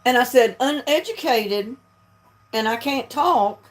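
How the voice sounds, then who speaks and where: A woman with a Southern accent from North Carolina speaks slowly in a slightly high voice. As a video creator hosting a livestream, she keeps things casual and folksy, chatting away and laughing often.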